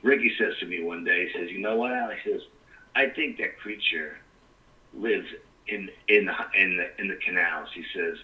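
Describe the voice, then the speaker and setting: A man's voice: low voice, moderate pace, distant mic, highs cut off. A middle-aged man, a guest rambling through a story in casual talk with plenty of "you know". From New York.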